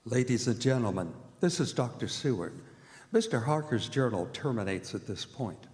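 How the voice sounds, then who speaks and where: Man playing Doctor Seward, animated formal narrator. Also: mid-range voice, moderate pace, close to an everyday voice. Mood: grave announcing. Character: grave, formal male doctor presenting evidence. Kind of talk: old-time radio drama narration on stage. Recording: echoing theatre hall.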